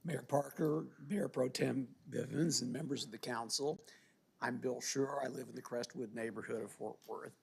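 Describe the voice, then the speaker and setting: Gravelly, husky man at a council podium. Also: medium pitch, steady tone, normal speed. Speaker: public commenter. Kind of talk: formal public comment. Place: city council chamber.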